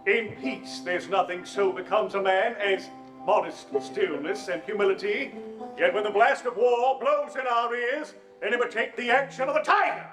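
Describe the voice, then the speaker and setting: A hammy Shakespearean actor, as a man plays him in a radio drama, declaiming in a very high voice. Music plays clearly behind him in an echoey room. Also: normal speed, natural voice. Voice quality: theatrical, declaiming.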